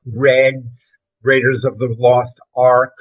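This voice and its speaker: Speaking slowly in a mid-range voice with little pitch movement, an older man with a Brooklyn accent looks back on his career in film trailers and design. As an interview guest he is blunt, emphatic and conversational, and the call audio is thin and phone-like.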